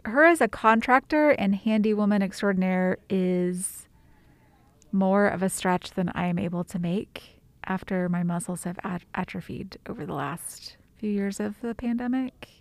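A woman co-hosts a podcast in a loose, chatty way, full of fillers and restarts. Her voice is mid-pitched and recorded dry, close to the mic. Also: moderate pace, no room sound. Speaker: podcast co-host. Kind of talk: casual chat.

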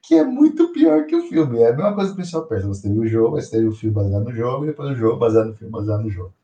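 A man co-hosting a podcast in casual chat, slangy and animated, often repeating himself. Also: medium pitch, rapid-fire, roomy sound, lo-fi sound. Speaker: podcast co-host.

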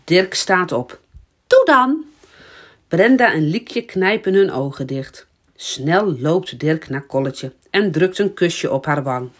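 A woman reading a children's book aloud, in a slow, lively storytelling voice. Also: deep voice. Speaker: storybook reader.

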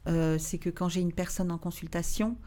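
A woman with a fairly low voice, telling personal anecdotes as a podcast guest. She talks with lively animation, acts out the voices of the people she quotes, and slips into whispered asides. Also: normal speed. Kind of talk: anecdotal storytelling.

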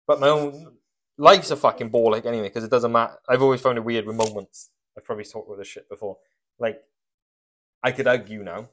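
Fast-talking sweary man. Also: medium pitch, steady tone, a bit bright. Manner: sweary, rambling, philosophical. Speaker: podcast co-host. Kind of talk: casual chat.

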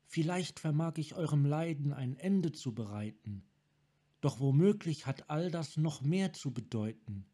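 A man voicing a calm, wise female monk who leads her clan, speaking softly and with measure, in a fan audiobook reading. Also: a little high. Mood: serene. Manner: soft, measured.

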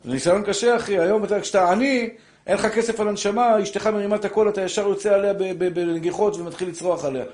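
Older preacher man, fiery and direct. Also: high-pitched. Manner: animated preaching, addresses listeners as brothers. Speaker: rabbi giving a Torah class. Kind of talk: sermon.

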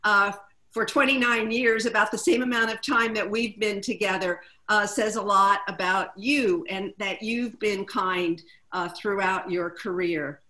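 A woman co-hosting a talk show, introducing a guest and reading prepared figures in a measured way. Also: mid-range voice, steady tone, pushed and bright, reverberant, rough recording. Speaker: co-host.

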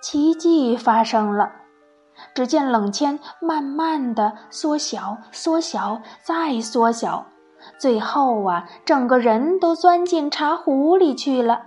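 A woman narrating a children's story in an expressive, storytelling way. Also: high-pitched, slow pace, soft background music.

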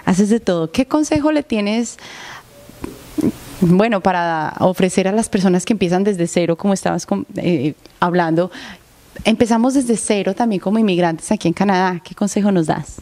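A woman's voice: medium pitch, moderate pace, dark tone. A woman, hosting a conversational podcast interview in an enthusiastic, encouraging way. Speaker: podcast host.

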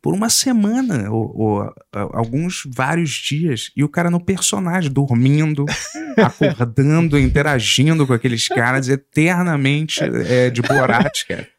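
Um homem com sotaque brasileiro numa conversa descontraída, contando casos e deixando as frases morrerem baixinho. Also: male voice, fairly high pitch, lively intonation, a little slow, no echo, studio quality. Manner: chatty, storytelling, trails off softly. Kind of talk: casual chat.

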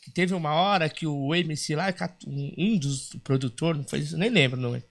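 A man's voice: fairly high pitch, a little fast, vocal fry. A man from Brazil telling a story in casual chat, acting out the quotes with swearing. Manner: animated, acts out quotes with swearing.

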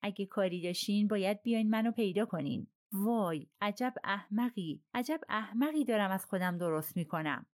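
A woman's voice: mid-range voice, lively intonation, hardly any pauses, close to an everyday voice. A woman voicing a guarded, emotional young English governess in an audiobook. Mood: distraught. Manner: strained, emotional.

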